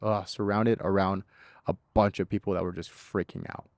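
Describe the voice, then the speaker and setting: A man being interviewed as an eyewitness, speaking in casual slang with halting, repeated and restarted phrases. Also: deep voice, little pitch movement, a little mellow, no room sound.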